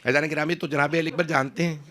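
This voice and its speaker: Sex: man. Role: impassioned preacher. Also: steady tone. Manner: emotional, dramatic delivery with sharp rises in pitch and loudness; addresses the gathering directly and often. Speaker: Islamic preacher. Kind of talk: impassioned religious sermon. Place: large religious gathering, broadcast live.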